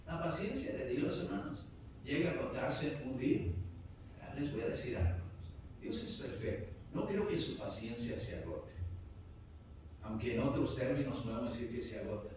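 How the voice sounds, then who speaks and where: A man's voice: medium pitch, slight background noise. A pastor preaching a sermon to his congregation, building to emphatic peaks and repeating "brothers" again and again. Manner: preaching with rising emphasis, repeating "hermanos" often. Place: church sanctuary. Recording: very echoey church hall from a distance.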